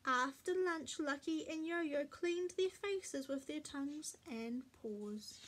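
A woman reads a children's picture book aloud in a slow, clear, expressive storytelling voice. Her pitch sits high, and she takes her time over every line. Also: a little hiss or hum.

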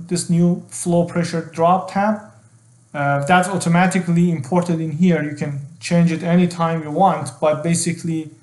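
A middle-aged man teaching an engineering software tutorial, explaining step by step with fillers and restarts. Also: fairly high pitch, roomy sound. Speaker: HVAC design instructor. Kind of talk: screen-share software tutorial.

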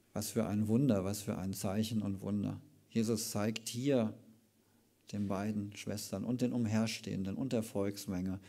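A man delivers a sermon at a church service, retelling a Bible story with lively emphasis and chatty asides. His voice is gravelly and dark, with a mellow tone. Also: mid-range voice. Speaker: preacher.

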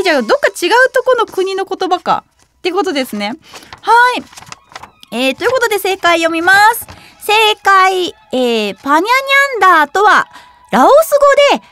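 A young woman hosts a casual radio show in a high, bouncy voice. She reads trivia, then breaks off into giggly, excited comments, with faint music playing behind her. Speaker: web radio host. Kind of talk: casual quiz chat and reading aloud.

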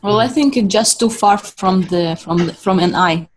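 A woman's voice: medium pitch, moderate pace, a little hiss or hum, low-quality recording. A woman taking part in an art meetup, thoughtfully suggesting changes to a drawing. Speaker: meetup participant. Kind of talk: casual discussion.

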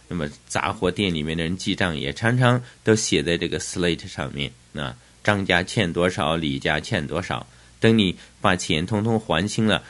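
Older man teaching English words, lively pitch. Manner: spells words out letter by letter, slows on English terms. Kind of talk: lesson explaining English words in Chinese.

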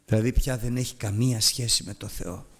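A man preaching a sermon, retelling scripture dramatically, his voice climbing and falling sharply as he addresses the congregation. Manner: dramatic retelling of scripture with big rises and drops in pitch; addresses the congregation directly and urges them.

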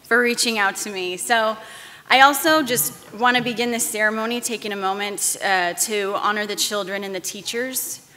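A woman's voice: medium pitch, pushed and bright. Candid woman speaking at a podium. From Texas-Mexico border region. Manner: candid, halting, with restarts and fillers. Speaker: commencement speaker, news anchor. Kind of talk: commencement address. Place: large auditorium stage. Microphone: podium microphones. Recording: long hall reverb.

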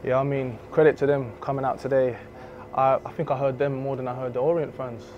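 A young footballer speaks into a handheld mic in the stands of an empty outdoor stadium. He talks in a relaxed, candid way at a medium pitch. The audio is a little dull and carries a faint hiss of outdoor noise. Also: a little fast. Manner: relaxed, candid, laughs easily. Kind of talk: post-match interview. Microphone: handheld reporter mic.

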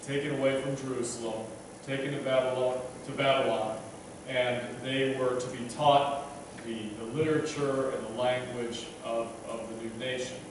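Talking at normal speed with hardly any pauses, a man with a medium pitch and fairly even intonation gives a laid-back sermon. He's a preacher in his thirties, self-deprecating and chatty, tripping over his words now and then with many restarts and fillers. The pulpit mic, filmed from far away, yields an echoey church sound with a noisy background.

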